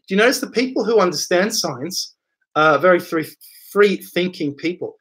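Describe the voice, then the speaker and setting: A man hosting a casual live stream, reading viewer questions from chat aloud and answering them in a rambling way, repeating words and using lots of fillers. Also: on the high side.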